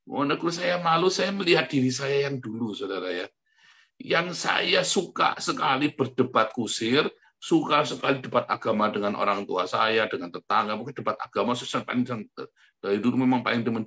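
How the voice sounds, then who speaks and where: Man preaching in a chatty, colloquial way. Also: mid-range voice. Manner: colloquial, chatty preaching, keeps addressing the congregation; swings from quiet asides to sudden loud outbursts. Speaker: pastor. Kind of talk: sermon.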